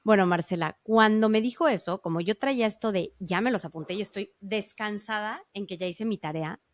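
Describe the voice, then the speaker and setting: A woman host tells her own story in a lively, casual way, stumbling over fillers and starting her sentences again. Her voice sits at a middle pitch. The close mic gives a dry sound with no room echo. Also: brisk. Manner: animated, full of fillers and self-corrections. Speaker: podcast host.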